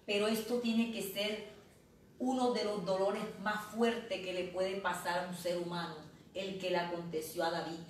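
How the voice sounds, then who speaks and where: A woman pastor preaching a sermon slowly and earnestly, speaking directly to her listeners. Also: mid-range voice, level tone, distant mic. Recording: very echoey room, voice from off mic, faint noise.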